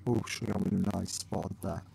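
A man's voice: low-pitched, steady tone, moderate pace, creaky, darkish tone, slight background noise, low-quality recording. A man hosting a let's play, chatting casually to viewers and reading his dialogue choices aloud. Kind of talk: casual gameplay commentary.

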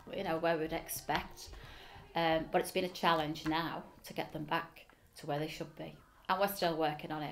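A creaky, low-sitting voice belongs to a middle-aged Liverpool woman speaking earnestly and often saying "um." She's seated facing the camera for an oral history interview in a school office, with a little hiss or hum in the recording.

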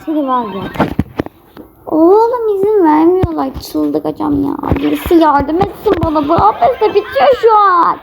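A young woman talks over her gameplay in a high, swooping voice. She keeps getting frustrated and exclaiming at her teammates. The home recording has a steady background noise. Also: unhurried, gravelly. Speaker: gamer. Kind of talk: casual gameplay commentary.

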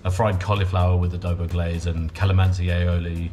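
Guy in his 30s from england, low-ish voice, chatty with lots of you-knows, faint music behind. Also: flat delivery, fairly quick. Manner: chatty, many fillers like "you know". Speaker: restaurant owner. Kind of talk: casual interview. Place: indoor restaurant.

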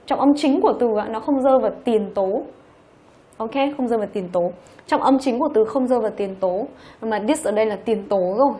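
Brief: female teacher, somewhat high voice, patient step-by-step explainer who keeps checking in. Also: darkish tone. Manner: explains step by step, often checks with "ok?" and "đúng không?". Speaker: English teacher. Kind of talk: online exam-review lesson.

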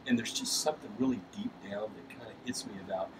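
A man's voice: lowish voice, quick pace. A middle-aged man interviewing a coach after a game, encouraging and upbeat, from a press box. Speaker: sports broadcaster interviewing coach. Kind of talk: postgame interview. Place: press box above a lit ballfield at night. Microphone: headset mic. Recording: distant mic with background noise.

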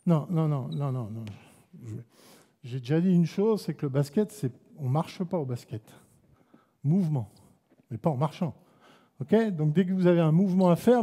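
A man's voice: fairly high pitch, warm tone. A man with a French accent running a live basketball coaching clinic, calling out short commands and teasing players. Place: indoor basketball gym. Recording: long echo of a gym hall.

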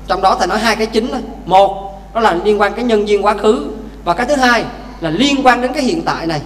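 A man, a Buddhist monk, giving a lively dharma talk with stories, speaking directly to the congregation. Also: high-pitched, fast talker. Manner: lively, addresses audience directly. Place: temple hall. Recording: echoey temple hall, faint hum.

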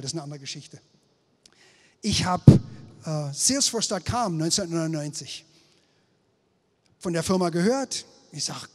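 A middle-aged man from Berlin telling a lively, self-mocking story about his career on stage, speaking into a handheld microphone. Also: fairly high pitch, breathy edge. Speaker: speaker at a failure-story night. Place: indoor event stage before an audience. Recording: long hall reverb of an event space.

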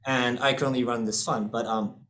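His voice is medium in pitch, fairly even in intonation, a bit bright, and slightly fast as he pitches his fund at an online seminar. The American-accented man in his thirties, born in the UK and raised in the US and Hong Kong, uses many fillers and repeated words over a laptop mic on a webcam call indoors.

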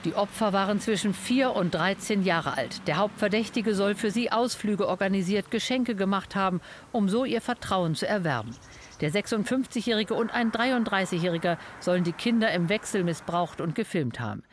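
A man with a notably high voice narrates a news report in a sober, measured tone. A faint hiss of background noise sits under the read. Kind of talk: scripted news voice-over.

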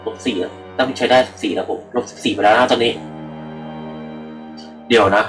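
A man's voice: mid-range voice, steady tone, normal speed, a bit bright, soft background music, poor audio. A young man giving rambling, casual let's-play commentary into a computer microphone, swearing freely and talking to his viewers. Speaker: gaming channel host.

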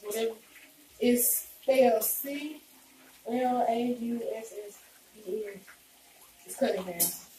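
A woman's voice: on the high side, takes it slowly, pauses often, warm tone. A young woman chatting casually and playfully while eating, in a home mukbang vlog. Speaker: vlogger. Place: indoors, small home room. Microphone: phone camera a few meters away. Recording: distant, echoey, noisy phone-camera recording.

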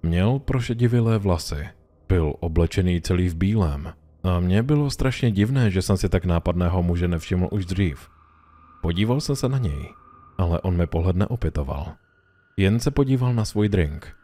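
A man reading a horror story aloud in a calm, measured storytelling voice. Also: low-pitched. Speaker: narrator. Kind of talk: scripted horror story narration.

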